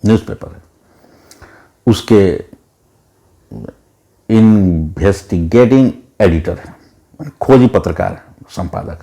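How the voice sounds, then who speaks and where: A man's voice: low voice, slow, pauses often, mellow. A man giving an opinionated monologue as a political commentator, emphatic and lecturing, repeating words for stress.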